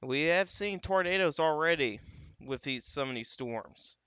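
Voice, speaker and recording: A man hosts a live weather stream, talking through radar images in a loose, conversational way. His voice is bright and clear, with a dry, close sound. The audio is a little dull, like a home livestream mic. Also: on the high side, expressive, a little slow, no room sound. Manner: casual, thinking aloud, frequent "uh" and "you got".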